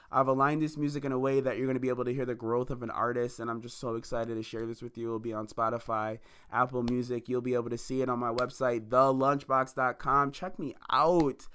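Bright, forceful and clean, this young man's medium-pitched voice carries a sermon-like pep talk as he kicks off his podcast. He's an indie musician in his twenties who repeats phrases to drive them home and addresses his audience as "y'all" and "baby."

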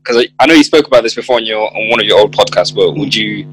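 A man's voice: on the low side, racing, fairly bright tone, a little hiss or hum, rough recording. A young man, casually putting questions in conversation. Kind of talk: casual chat, asking questions.

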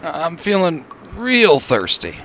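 A man improvising a comedy sketch, exasperated and deadpan. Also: fairly high pitch, a little slow, gravelly, muffled recording, a little hiss or hum. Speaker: comedy podcast co-host.

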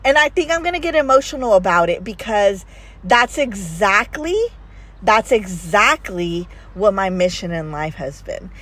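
A woman's voice: medium pitch, expressive, a little slow, a bit bright. A middle-aged woman hosting a motivational faith podcast, speaking earnestly and preachily and often checking in with "right?". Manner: earnest, preachy, repeats phrases and asks "right?". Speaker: podcast host.

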